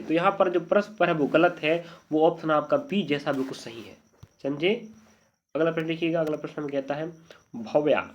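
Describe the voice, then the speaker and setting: A man teaching an exam-prep spelling lesson, checking often that his students follow. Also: a little high. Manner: repeated checking questions to students. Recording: dull lo-fi audio.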